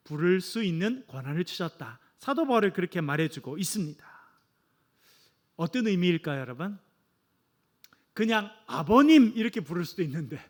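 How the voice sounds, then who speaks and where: A man's voice: high-pitched, a bit bright. A man in his forties preaching a sermon to a church congregation, telling family stories and often addressing the listeners directly. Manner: storytelling with asides to the congregation; acts out quoted voices of his children. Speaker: pastor. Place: church sanctuary.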